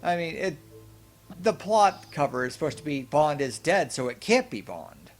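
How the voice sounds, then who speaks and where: Young male podcast co-host, higher pitch, rambling chatty film review, faint music under. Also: normal speed. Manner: rambling, self-correcting, animated asides. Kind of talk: casual film review chat.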